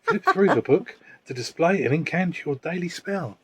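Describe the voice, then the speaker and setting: A man's voice: fairly high pitch, animated, moderate pace, a crowd in the background. A man, reading product descriptions aloud and adding dry remarks in a casual unboxing chat. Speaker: co-host reading product cards.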